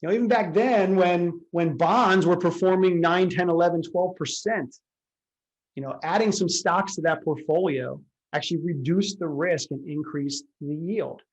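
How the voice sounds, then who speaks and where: A man's voice: on the high side, moderate pace, rough recording. A man working as a retirement advisor, explaining a lecture slide by slide in a conversational way, full of fillers and rhetorical questions.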